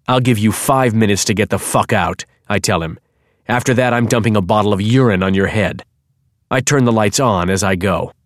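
A man narrates in a dry, sardonic deadpan with a somewhat low voice. He reads close to the microphone in a dead, studio-dry space. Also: dry recording. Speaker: audiobook narrator. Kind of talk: scripted first-person narration.

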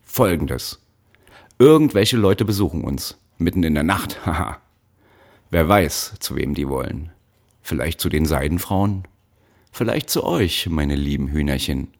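A man voicing a brutal, bespectacled male factory overseer who shouts threats at child workers, in an audiobook. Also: low-pitched, very animated, measured pace, breathy edge, full character voice. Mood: false sweetness. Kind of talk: audiobook narration.

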